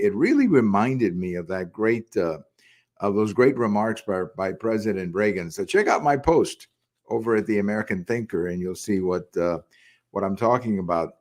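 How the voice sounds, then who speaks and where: Older male host, low-pitched, rambling solo opinion monologue with plenty of restarts. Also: darkish tone. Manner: conversational, frequent "uh" and restarts. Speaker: podcast host. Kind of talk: solo political commentary.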